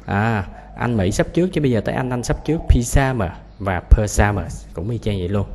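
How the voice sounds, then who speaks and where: Male English teacher, lowish voice, drills vocabulary slowly, echoey room with faint hiss. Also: animated, darkish tone. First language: Vietnamese. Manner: repeats each English word slowly and clearly, explains sounds. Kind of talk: vocabulary lesson, word by word.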